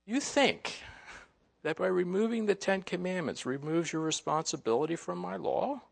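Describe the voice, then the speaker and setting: A man's voice: sits high, moderate pace, vocal fry, full character voice. A man voicing God as a scornful, mocking deity who is amused by human arrogance, in a sarcastic tone.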